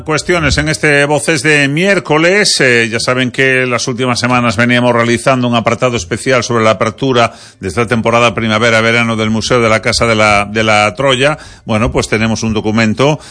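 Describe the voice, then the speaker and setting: A man from Spain hosting a radio show, introducing the next segment in a relaxed way with small fillers. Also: mid-range voice. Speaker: radio host.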